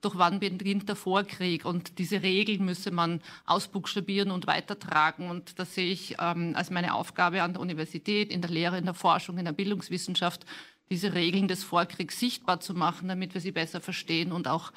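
A woman academic gives measured, articulate answers in a radio interview. Her sentences are long and carefully built. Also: fairly low pitch, steady tone, fairly bright tone. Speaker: university lecturer.

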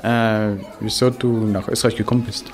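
Brief: a teen voicing a schoolboy, slangy, hesitant, school play. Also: male voice, lowish voice, flat delivery, normal speed, music in the background, close to an everyday voice. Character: teenage schoolboy Franz, first mean then friendly. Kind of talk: amateur school drama.

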